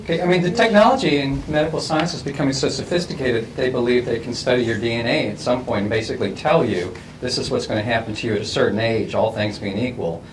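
A man's voice: medium pitch, fast, hardly any pauses. Man, middle-aged, discussion moderator, playful probing questions, distant mic, faint hiss. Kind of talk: facilitating a group discussion. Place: large school library, indoors.

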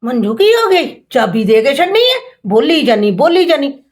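A woman's voice: sits high, sing-song, moderate pace. A woman playing a scolding mother-in-law in a family skit, firing questions at her daughter-in-law. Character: scolding middle-aged mother-in-law, stern household elder.

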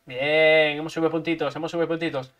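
A man's voice: on the high side, little pitch movement, fast talker, a bit bright. A man from Spain, commentating his own gameplay live, playful and full of repeated sound effects. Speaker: gaming streamer.

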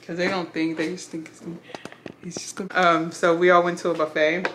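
A woman's voice: lowish voice, little pitch movement, fairly quick, a bit bright. Casual woman vlogger in an echoey room. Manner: candid, swears freely, tells stories with playful voices. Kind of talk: casual chat. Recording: echoey room, noticeable background noise.

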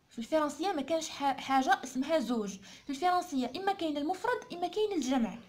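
A woman with an Algerian Arabic accent explaining a French school book to mothers and pupils, slow and patient, saying each sound over and over. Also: sits high. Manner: slow, repeats words, spells French sounds aloud. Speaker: teacher explaining a French textbook.

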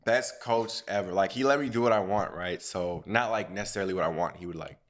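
A man's voice: low voice, a little fast, slight background noise. A young man co-hosting a podcast in casual chat, laid-back and trailing off into near-whispers. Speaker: podcast co-host.

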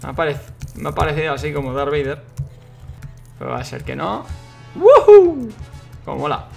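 A young man giving excitable let's-play commentary, swearing and yelling at the game. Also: fairly high pitch, fast, vocal fry, soft background music. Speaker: gaming YouTuber.

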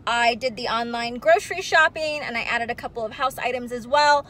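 A woman in her thirties talks chattily into a phone camera held at arm's length, filling pauses with ums as she walks through her day. Her voice sits a little high, and a faint noise runs under the recording. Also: a bit bright. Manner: chatty, upbeat, many ums. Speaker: vlogger. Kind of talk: casual vlog walkthrough. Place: at home, then in a parked car.

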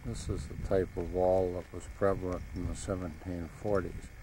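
A man narrating his own home video while sightseeing outdoors, in an unhurried, plain manner, heard from an old VHS tape through a camcorder mic. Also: low-pitched, level tone, noisy background. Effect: old VHS tape sound. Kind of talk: casual travel narration.

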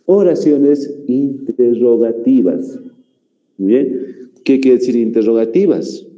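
A man from Bolivia teaching a grammar class, speaking slowly and repeating himself, forever checking in with "¿no?" and "muy bien". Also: medium pitch, dark tone, dull audio. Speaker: language teacher.

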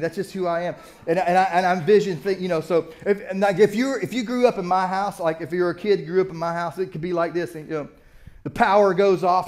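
An older man delivers a sermon as a church pastor, his voice sitting a little high for a man. He talks in a loose, conversational way, full of asides and jokes at his own expense. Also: a little mellow. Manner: conversational, self-deprecating storytelling. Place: church sanctuary.

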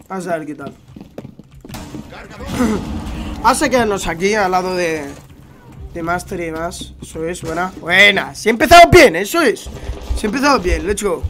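With a high, slightly bright voice and a Spanish accent, a young gaming YouTuber from Spain chats casually and slangily to viewers while playing. He's a bit stuffed up from a cold and speaks into a headset mic at his gaming setup at home.

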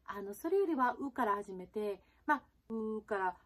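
A woman's voice: on the high side, expressive. Woman from Japan, jazz singer and pronunciation teacher; friendly, chatty video-lesson delivery. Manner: chatty, with frequent fillers and soft tag particles; slow, drawn-out sound demonstrations.

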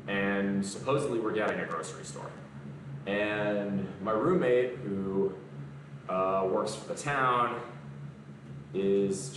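This fitness streamer, a young adult man from the American South, talks casually to viewers between sets in his home gym, responding to comments. His voice sits on the low side, and the far-off camera mic catches garage reverb and a noisy background.

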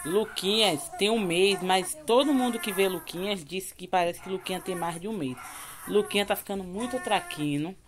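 Cooking in her kitchen for a home vlog, a Bahian woman from Brazil talks casually at a moderate pace and medium pitch, lovingly cooing at a baby. Her accent is Bahian Brazilian Portuguese, and a crowd can be heard in the background.

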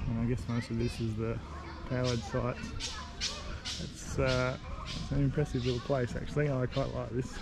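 A man's voice: mid-range voice, moderate pace, gravelly. A man in his thirties with an Australian accent, chatting casually to an action camera held at arm's length as he vlogs outdoors on an open beach. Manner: relaxed, easygoing, enthusiastic. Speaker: travel vlogger. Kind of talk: casual vlog narration. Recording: wind and surf noise outdoors. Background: crashing waves.

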